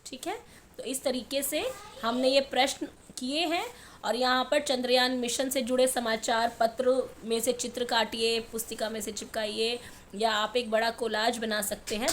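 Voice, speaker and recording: A woman's voice: a little high, steady tone, a little hiss or hum. A woman teacher patiently explaining a textbook lesson to young children step by step. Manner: patient, step-by-step, repeats answers slowly. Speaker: primary school teacher.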